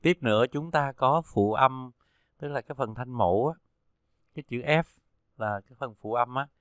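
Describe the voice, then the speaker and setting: A man teaching pronunciation, reading syllables one by one in a slow, deliberate drill. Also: mid-range voice, a bit bright, smooth, no room sound. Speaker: Chinese pinyin teacher.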